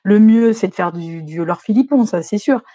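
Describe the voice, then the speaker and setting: A woman's voice: medium pitch, moderate pace, mellow, no room sound. A woman hosting a live stream, chatting casually and greeting viewers as she reads the chat.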